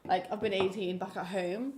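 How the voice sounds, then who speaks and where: A woman's voice: mid-range voice, steady tone, normal speed, darkish tone, a little hiss or hum. A woman in her late teens, a student guest on a podcast, talking frankly and rambling with fillers. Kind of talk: casual chat.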